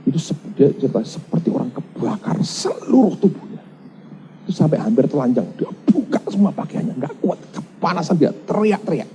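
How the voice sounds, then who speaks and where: Male pastor, animated storytelling sermon with a lively pitch, faint hiss on a dull lo-fi recording. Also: fairly quick. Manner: lively storytelling preaching, acts out dialogue, mixes in Javanese phrases.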